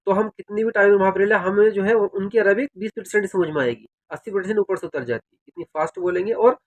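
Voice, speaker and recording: A man with a noticeably high voice talks to his viewers in a relaxed, chatty way. He explains things step by step and keeps checking in with "theek hai". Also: fast talker. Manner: conversational, fillers like "theek hai" and "yaar", addresses viewers directly. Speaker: video creator giving advice on working in Saudi Arabia. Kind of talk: casual explainer.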